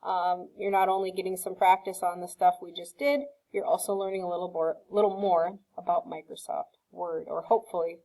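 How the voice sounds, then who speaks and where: A woman's voice: fairly low pitch, level tone, brisk, few pauses, mellow, poor audio. A woman teacher giving a recorded screen-share science lesson, explaining patiently with frequent ums and checks of "okay?".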